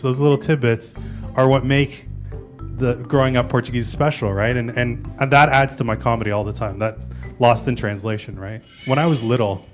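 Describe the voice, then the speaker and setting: A stand-up comedian in his forties talks in a loose, chatty way, moving between interview answers and bits from his set. His voice is mid-pitched for a man, and he often ends a thought with "right?". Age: 40s. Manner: chatty, tags lines with "right?".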